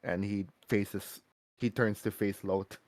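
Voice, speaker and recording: A man's voice: lowish voice, fairly even intonation, slow, dry recording. A man playing a tabletop game, casually describing what his character does.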